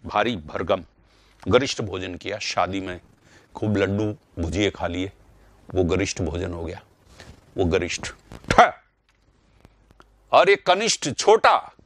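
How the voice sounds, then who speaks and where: A man's voice: lowish voice, fairly bright tone, no echo. A male teacher giving an online grammar lesson, asking rhetorical questions and repeating key words for stress.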